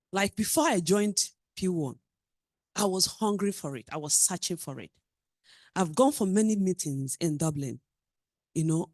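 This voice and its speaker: A Nigerian woman presenting a real estate seminar to a live audience, animated and preacher-like, with call-and-response questions to the room. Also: lowish voice, dry recording, clean studio sound. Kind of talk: business seminar talk.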